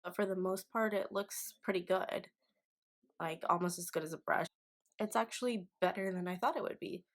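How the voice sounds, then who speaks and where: A tipsy woman in her twenties talks to camera as a beauty vlogger, walking through a makeup tutorial in a casual chat. Her pitch is medium and her speed normal, and she's informal and sweary, gushing in effusive slang.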